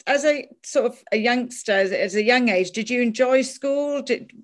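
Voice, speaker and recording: A woman's voice: fairly high pitch, normal speed. Chatty Irish woman hosting a podcast. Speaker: podcast host. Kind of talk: casual interview chat.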